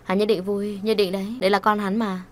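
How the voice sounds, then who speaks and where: A woman's voice: medium pitch, little pitch movement, a little fast, natural voice. A woman voicing a loyal young woman who firmly reassures her friend in an audio story. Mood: reassuring. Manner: soothing, firm reassurance.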